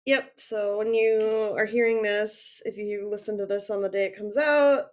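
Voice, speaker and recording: A woman co-hosting a casual podcast, talking in a relaxed, easygoing way. Her voice sits at a middle pitch for a woman, and she laughs easily between short replies. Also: normal speed. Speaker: podcast co-host. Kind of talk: casual chat.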